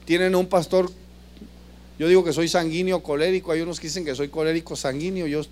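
A man preaching a sermon as pastor, asking the congregation questions and swinging between loud passages and soft ones. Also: a little high, fairly even intonation, brisk.

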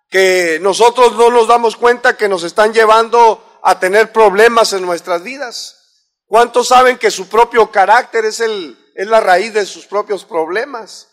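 High-voiced Mexican pastor preaching. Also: male voice. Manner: preachy, many rhetorical questions, swings between loud and soft. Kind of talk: sermon to a congregation.

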